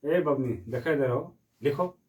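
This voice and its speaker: A man's voice: medium pitch, unhurried, a little mellow, far from the mic. A man teaching a Hindi grammar lesson who repeats each question and answers it himself, stretching vowels to demonstrate.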